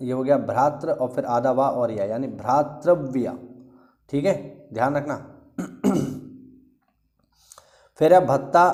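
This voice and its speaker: A man's voice: a little high, darkish tone. A man teaching an exam-preparation lesson. He repeats key words and often checks in with his students.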